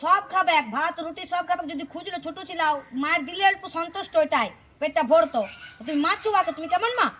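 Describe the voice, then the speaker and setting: A woman's voice: very high voice, quick pace, fairly bright tone, slight background noise. A woman playing an indignant village grandmother. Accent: Purulia Bengali dialect. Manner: scolding, indignant. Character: protective grandmother, mother-in-law defending her granddaughter. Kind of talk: village home drama acting.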